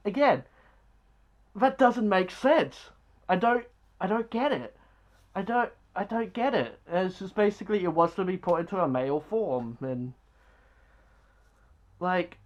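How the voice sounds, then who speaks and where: Chatty reviewer, blunt and rambling, mid-pitched, on a dull lo-fi mic. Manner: rambling, heavy on filler words; blunt and dismissive. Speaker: movie reviewer. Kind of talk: casual spoken movie review.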